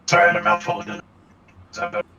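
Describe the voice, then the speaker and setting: A man's voice: on the low side, expressive, very fast, bright, forceful tone, dull audio. A man chatting casually on a voice call through a robotic voice modulator, a little apologetic. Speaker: player on a voice call. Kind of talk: casual chat.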